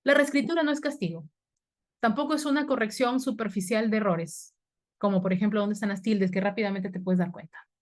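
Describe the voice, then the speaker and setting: A woman's voice: mid-range voice, brisk. A woman teaching a university writing class in an online webinar, explaining step by step and asking her students questions. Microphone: webinar computer mic.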